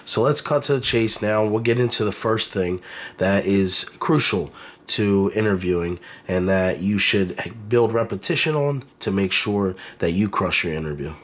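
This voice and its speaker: Congested nasal man, low husky voice. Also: normal speed. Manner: encouraging, direct, frequent "um" and "uh". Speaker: YouTuber giving career advice. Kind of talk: casual advice to camera.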